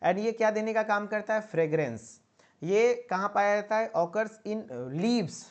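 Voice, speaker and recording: A man's voice: high-pitched, animated, unhurried, highs cut off. A man giving an online lecture to pharmacy students, repeating points and checking in with a coaxing "okay?". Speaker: pharmacy teacher. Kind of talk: online exam-prep lecture.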